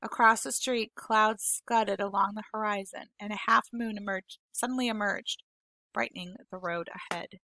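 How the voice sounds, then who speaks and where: Bright, gravelly-voiced woman teacher reading aloud. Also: mid-range voice, fairly even intonation, dry recording. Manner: unhurried, gentle, apologizes and laughs at her own slips. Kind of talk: read-aloud storytelling.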